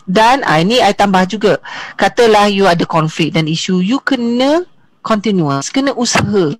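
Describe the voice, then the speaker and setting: A woman in her forties from Johor with a Malaysian accent, giving an online seminar talk in a lively way with English asides and rhetorical questions. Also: mid-range voice, no room sound. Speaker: seminar speaker.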